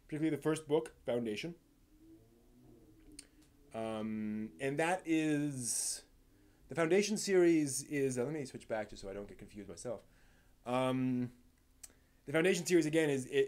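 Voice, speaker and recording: This live-stream host talks off the cuff to his viewers in a darkish, fairly high voice. He pauses and thinks aloud, frequently changing his wording mid-sentence.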